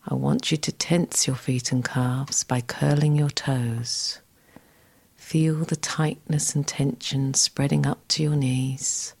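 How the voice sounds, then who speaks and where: A woman guiding a scripted relaxation exercise in a soft, soothing, breathy, near-whispered voice. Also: a bass voice, fairly even intonation, slow. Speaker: relaxation guide.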